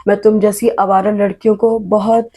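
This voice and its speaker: A woman's voice: mid-range voice, flat delivery, lightly acted. A woman reading the part of an arrogant, cruel wealthy mother with a scornful manner, in a story reading. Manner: scornful, shouting. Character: haughty rich older mother, arrogant and cruel.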